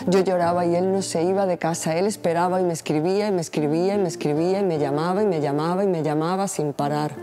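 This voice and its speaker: A woman in her forties, a poet reciting her own poem in a measured, solemn way. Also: on the low side, fairly even intonation, dark tone, faint music behind. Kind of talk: poetry reading.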